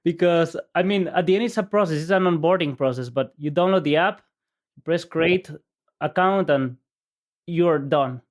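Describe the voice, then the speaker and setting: A man from El Salvador, a podcast guest, chatting in a relaxed way with frequent fillers and easy laughs. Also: a little high, moderate pace. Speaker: podcast guest, innovation agency CEO. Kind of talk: casual interview chat.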